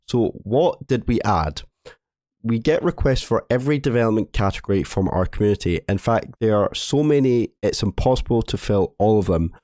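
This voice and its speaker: A gaming video host with a low voice gone hoarse from a cold talks through a game update in a dark, mellow tone. The sound is dry and close, with no echo, and he rambles casually, stumbling and restarting his words.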